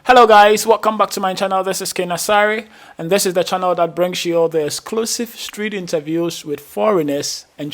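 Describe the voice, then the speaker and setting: A man hosting a channel of street interviews, welcoming viewers enthusiastically and asking passersby questions. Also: a little high. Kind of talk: upbeat vlog intro and street interview questions.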